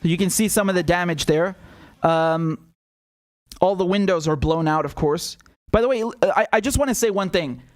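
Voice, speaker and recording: A man giving casual, unscripted live news commentary in a rambling, halting way that drifts into tangents. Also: sits high.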